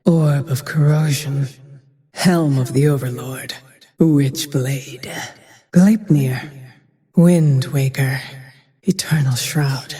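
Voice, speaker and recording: A woman voicing a grim, vengeful, haunted female ranger hero in a fantasy game, with terse, brooding, breathy lines. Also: very deep voice, mellow. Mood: cool, terse. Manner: measured, terse, brooding delivery. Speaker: video game voice actor. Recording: long reverb on the voice.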